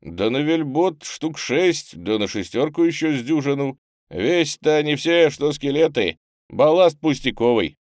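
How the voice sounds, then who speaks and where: A man doing a hearty loud sailor. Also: on the high side, animated, measured pace, no room sound, clean studio sound, pitched above the performer's own voice. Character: hearty gruff male sailor leader.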